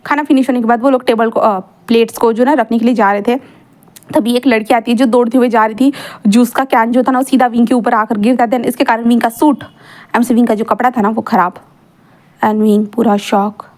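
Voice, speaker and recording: A woman narrating a fan fiction story in a casual, chatty way. Her voice is high and she races along, full of fillers and quick self-corrections. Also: steady tone, darkish tone.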